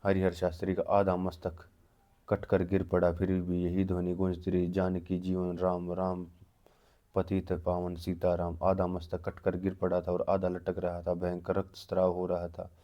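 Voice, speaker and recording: Deep monotone man reading a book aloud. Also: dull audio. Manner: halting, with frequent restarts of words. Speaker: narrator.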